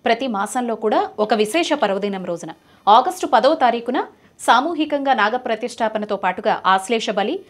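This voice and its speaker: A woman's voice: fairly high pitch, animated, moderate pace. Polite female call-in show anchor. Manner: polite, businesslike, takes caller details. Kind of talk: TV call-in hosting.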